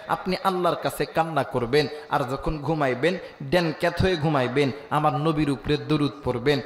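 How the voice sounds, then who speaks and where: A man preaching a chanted sermon, telling a story in a sing-song, drawn-out way and calling out to the crowd. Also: on the high side, reverberant, long reverb tail. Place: outdoor religious gathering.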